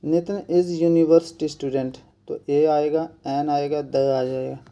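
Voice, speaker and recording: Guy teaching grammar for an exam, very mellow dark tone, a bit higher pitch, asks and answers his own questions. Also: flat delivery, clean tone. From India. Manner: repeats each point slowly. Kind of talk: exam-prep grammar lesson.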